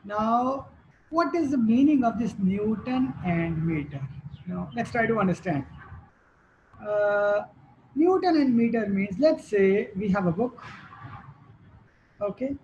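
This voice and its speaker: A woman's voice: medium pitch, animated, takes it slowly, long pauses, darkish tone, lo-fi sound, slight background noise. A woman teacher giving a classroom lecture, quizzing students and repeating their answers.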